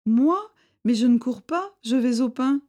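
A woman's voice: mid-range voice, animated, a little slow, mellow, close to an everyday voice. A woman voicing a frightened, timid peasant man who talks nervously and pleads.

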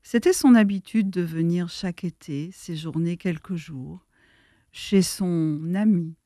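A woman reading a story aloud as narrator in a measured, solemn way. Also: fairly low pitch, dark tone, dry recording, clean studio sound.

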